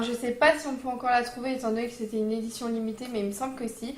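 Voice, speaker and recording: A woman talks through a makeup review in a relaxed, informal way, leaning on fillers and slang. Her voice sits a little high. The room around her gives it a noticeable echo. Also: slight background noise. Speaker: beauty vlogger.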